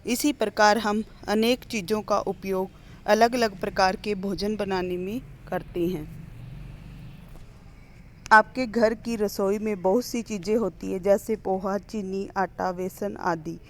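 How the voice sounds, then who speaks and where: A woman teacher, reading a primary school lesson aloud slowly and clearly, pausing between the items of each list. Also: medium pitch, fairly even intonation, a little hiss or hum. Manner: slow, clear classroom reading with list-like pauses.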